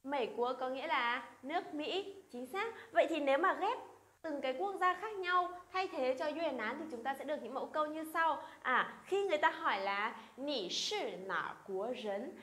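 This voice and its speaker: A woman teaching a language lesson, drilling example phrases slowly and coaxing her students to repeat aloud. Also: high-pitched, lively intonation, fairly bright tone, echoey room. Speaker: Chinese teacher.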